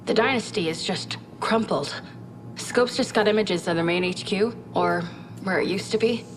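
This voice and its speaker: A woman plays a candid, inquisitive, troubled scientist advising a military commander in a game cutscene, and the mood is urgent and grim. Her delivery is conversational and thoughtful, dotted with reflective asides, in a mid-range voice at normal speed that sounds close to everyday speech. Background noise is present.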